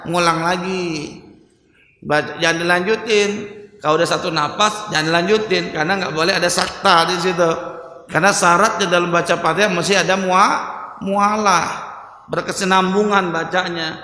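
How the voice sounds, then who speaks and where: A high, bright male preacher with a Betawi Indonesian accent lectures in a mosque hall, his voice ringing with long reverb. He switches between easygoing explanation and slow, drawn-out chanting of verses, dropping in light jokes. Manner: joking asides with soft laughs. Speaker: Islamic religious teacher. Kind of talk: mosque study-circle lecture.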